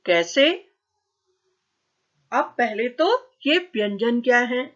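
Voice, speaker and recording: A woman's voice: fairly high pitch, lively intonation, slow, muffled recording. A woman teacher giving a grammar lesson, patiently asking questions and answering them herself. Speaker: school teacher.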